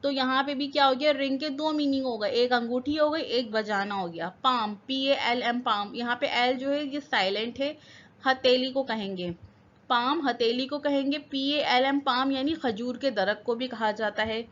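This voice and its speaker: A woman's voice: high voice, normal speed, a bit bright, highs cut off. A woman teaching English vocabulary. She spells each word letter by letter, repeats its meanings, and asks questions that she answers herself. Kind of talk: vocabulary lesson.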